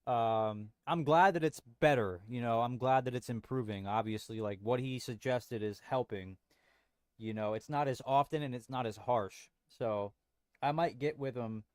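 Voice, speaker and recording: Streaming from home, a young man talks loosely with his audience, full of slang, restarts, and frequent "bro"s. The studio-quality recording is dry, and his medium-pitched voice is smooth at a normal speed.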